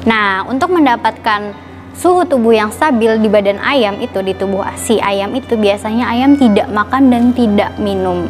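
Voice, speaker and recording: A woman's voice: medium pitch, normal speed, soft background music. A woman telling an educational children's puppet story as the teacher, explaining things simply with repeated questions.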